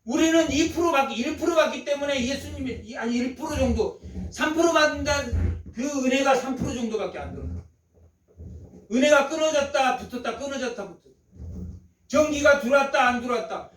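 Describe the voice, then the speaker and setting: A man's voice: very high voice, brisk. A man preaching a Sunday sermon as pastor, repeating phrases for emphasis and asking the congregation rhetorical questions. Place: church sanctuary. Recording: echoey church hall, mic at a distance.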